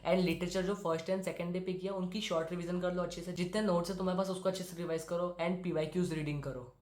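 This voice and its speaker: Teen boy from India, quick and direct study-tips talker, echoey room. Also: high-pitched, level tone, darkish tone. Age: teens. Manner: brisk, direct, instructive. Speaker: student giving exam tips. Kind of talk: study-tips talk to camera. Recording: roomy echo.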